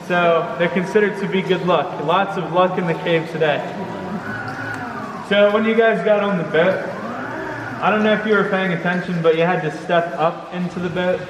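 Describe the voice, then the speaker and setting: A man's voice: sits high, steady tone, moderate pace. A man working as a tour guide, giving casual, explanatory commentary with his voice echoing through a cave. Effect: cave echo. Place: inside a water-filled cave on a tour boat. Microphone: vlogger's camera, away from the speaker. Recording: echoey cave, distant mic, noisy background.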